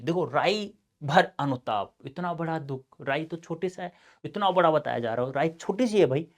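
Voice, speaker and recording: A man teaching a Hindi exam lecture to students, explaining and mixing in lively, fatherly advice. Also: fairly high pitch. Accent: North Indian Hindi. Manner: addresses students as beta, lively asides and advice.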